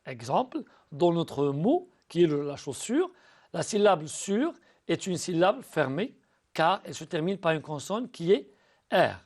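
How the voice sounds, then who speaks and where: A male teacher talks pupils through a spelling lesson in a high voice. His pitch swings widely as he slowly sounds out syllables. He often stumbles and repeats words before going on. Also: big pitch swings, a little mellow. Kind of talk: recorded school lesson.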